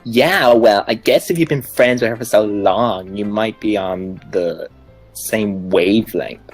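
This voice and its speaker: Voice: mid-range voice, unhurried, faint music behind. A player reading aloud the lines of a prickly teenage girl from a visual novel, blunt and teasing. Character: prickly teen girl club member.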